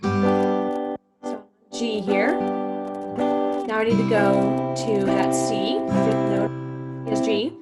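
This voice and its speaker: This guitar teacher and host speaks at a medium pitch with a flat delivery, stretching out her words and pausing often. She walks through the lesson one step at a time, posing rhetorical questions throughout.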